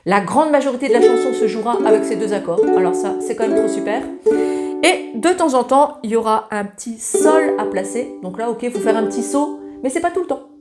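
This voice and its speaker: A woman with a high voice gives a relaxed ukulele lesson, chatting to the viewer in a familiar way. Her speech sits over loud ukulele strumming. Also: a little fast, over loud music. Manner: chatty, familiar, sings the lyrics while strumming. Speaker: ukulele teacher. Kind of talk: casual ukulele tutorial. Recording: loud ukulele playing along.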